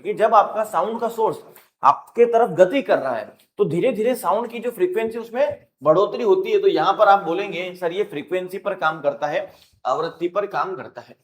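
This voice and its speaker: Animated high-voiced man teaching, echoey room. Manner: playful, animated, acts out sounds and student lines. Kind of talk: rapid-fire exam revision lesson.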